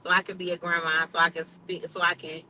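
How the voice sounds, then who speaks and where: A middle-aged woman chats on a casual livestream, seated in a car. She talks bluntly and with emphasis, swearing freely, and her voice has a bright, forceful ring to it. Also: on the low side, level tone, fast talker, a little hiss or hum, rough recording. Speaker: vlogger.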